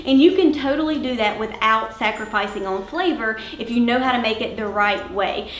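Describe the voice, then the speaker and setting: A young woman with a Mississippi Southern accent hosts a casual cooking tutorial, chatting in a friendly way as she explains each step. Her voice is fairly high and fairly bright, in an echoey room with a little hiss or hum.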